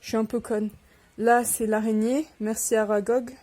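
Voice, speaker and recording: Her voice is fairly high and warm, with a level tone and normal speed, as this young woman unboxes books for her vlog. She's feeling a bit under the weather, chatting casually, rambling, and poking fun at herself along the way.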